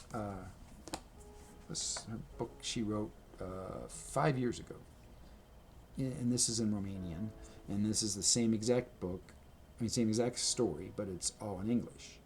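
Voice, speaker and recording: Filming a casual vlog at home on his camera mic, this man rambles chattily and keeps correcting himself while showing things. The voice is fairly low and a little mellow at a moderate pace, with slight background noise.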